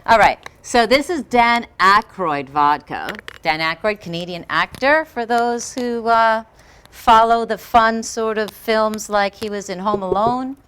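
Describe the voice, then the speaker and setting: A woman hosts a relaxed interview, bubbly and playful. She laughs easily and keeps the chat light and teasing. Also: a little high, a little slow, clean tone. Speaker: host.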